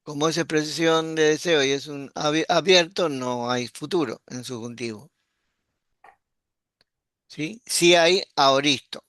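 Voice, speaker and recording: A man teaching a Greek grammar class online, explaining patiently and often checking in with a quick question. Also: on the high side, fairly bright tone, no echo, clean studio sound. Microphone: computer mic while screen sharing.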